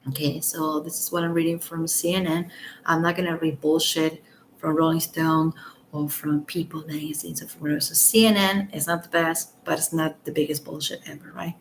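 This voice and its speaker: A tired woman with a raspy voice giving casual, blunt, rambling opinion commentary. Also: low-pitched, little pitch movement, moderate pace, a little hiss or hum, rough recording.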